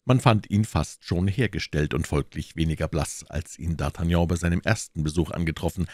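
A man reading a classic novel aloud as an audiobook narrator, expressive and storytelling. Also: low-pitched, brisk, no room sound, clean studio sound. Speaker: audiobook reader.

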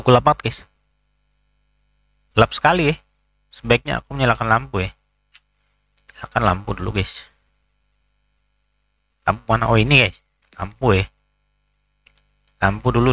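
A man's voice: medium pitch, a bit bright, no echo. A man casually commentating his way through a horror game, chatting to viewers, joking and getting startled. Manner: chatty, keeps addressing viewers, jokey and easily startled. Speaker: gaming YouTuber. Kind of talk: casual let's-play commentary.

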